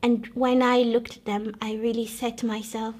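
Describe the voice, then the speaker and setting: Her voice sits a little high, flat in tone, as this earnest woman from the Democratic Republic of Congo shares her conversion story as a guest. She recalls it in measured personal testimony, frequently pausing and restarting.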